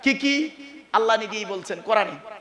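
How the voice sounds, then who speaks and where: A man's voice: high voice, lively intonation, normal speed, pushed and bright, roomy sound. A male Islamic preacher from West Bengal giving a waz sermon to a crowd, calling on listeners to answer and slipping English words into his talk. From West Bengal, India. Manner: calls on the crowd to answer, mixes in English words, jokes about mispronunciation.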